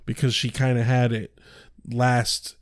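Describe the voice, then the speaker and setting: A man co-hosting a podcast in casual chat, animated and acting out quotes as he recaps. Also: mid-range voice, a little slow, no echo, studio quality. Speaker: podcast co-host.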